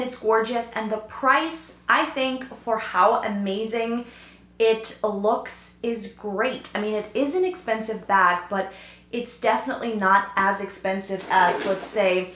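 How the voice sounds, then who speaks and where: A woman's voice: fairly high pitch, fairly bright tone. A young woman in a casual vlog who is losing her voice, chatting eagerly with many fillers. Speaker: fashion vlogger. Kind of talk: casual chat to camera. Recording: roomy home recording.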